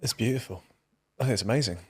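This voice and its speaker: A young man in casual podcast conversation, asking questions in a hesitant, halting way. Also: mid-range voice, breathy edge.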